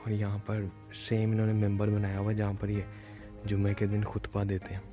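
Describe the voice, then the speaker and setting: A Pakistani vlogger with a lowish, monotone voice talks fairly quickly as he casually narrates a walking tour of a large mosque from behind a handheld camera. He slips English phrases into his speech, and music plays in the background.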